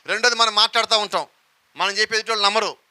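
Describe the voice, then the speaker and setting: A man's voice: high voice, steady tone, fast, sharp tone, clear, resonant tone. A man preaching a sermon, often asking the congregation questions and calling on them to answer. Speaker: pastor.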